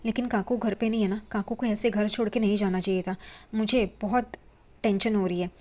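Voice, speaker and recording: A woman voicing a gentle young woman who feels lonely in an empty house, speaking softly and pleadingly. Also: medium pitch, steady tone, brisk, natural voice. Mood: worried.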